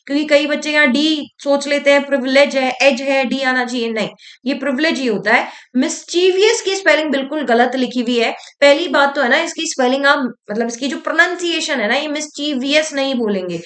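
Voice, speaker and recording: A woman with a high voice leads an exam-prep English lesson. She talks in a chatty, coaxing way, asking the listener questions as she explains. The room has a noticeable echo. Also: fairly bright tone. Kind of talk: explanatory classroom-style lesson.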